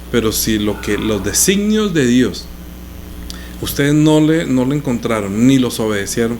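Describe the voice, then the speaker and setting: A man's voice: mid-range voice, noisy background. A male pastor teaching a sermon in a conversational way, explaining scripture with everyday examples.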